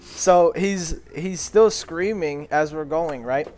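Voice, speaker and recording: A young man with a fairly high voice tells a rambling, profane story on a casual podcast. He loudly acts out the people he quotes. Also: takes it slowly. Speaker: podcast co-host.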